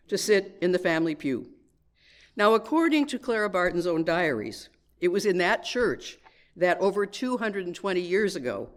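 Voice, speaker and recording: At church, a woman delivers a children's message to the congregation, telling a story in measured, clearly phrased sentences. Her pitch is fairly low.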